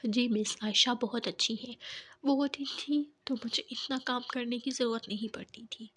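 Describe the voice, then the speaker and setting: A defiant young office woman with a quick, sharp tongue, whispered by a woman reading a novel aloud. Whispered role-play, breathy and husky throughout, pitched a little high. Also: fairly even intonation. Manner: bold, retorting.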